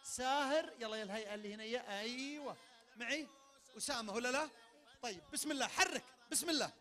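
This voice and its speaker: Saudi man, event game host, handheld mic; very high, piercing voice, lively and commanding. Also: quick pace. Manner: energetic, barks sudden commands. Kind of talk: leading a party game for a crowd. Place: large event tent. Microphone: handheld microphone.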